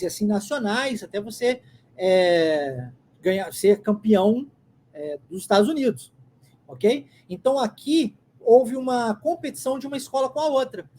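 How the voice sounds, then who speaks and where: A Brazilian woman teaching English in Portuguese, explaining patiently and modeling phrases slowly with a rising lilt. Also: medium pitch, dark tone, a little hiss or hum. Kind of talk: language lesson.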